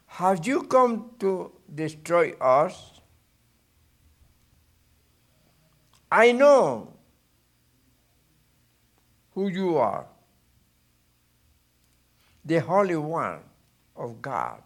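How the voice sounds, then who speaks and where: A man preaching who voices an evil spirit crying out, in slow, raised, strained cries. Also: a little high, very animated, heavily acted. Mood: alarmed.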